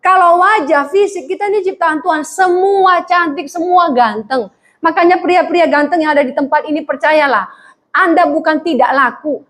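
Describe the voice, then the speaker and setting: Middle-aged woman pastor with a high, bright voice; humorous, animated preaching. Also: normal speed. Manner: humorous, animated storytelling with acted-out quotes. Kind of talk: sermon.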